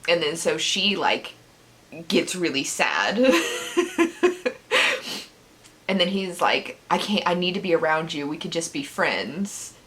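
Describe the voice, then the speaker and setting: With a deep, animated voice and a fairly bright tone, a female vlogger summarizes a book's storyline at a moderate pace. She keeps breaking into laughter as she talks and slips in sarcastic comments.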